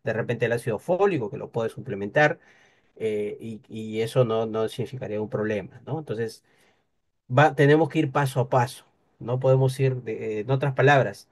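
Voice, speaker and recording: An invited speaker on nutrition, a man with a mid-range voice speaking at normal speed, gives an explanatory talk about nutrition and rest to an audience. His teacherly delivery is peppered with rhetorical questions.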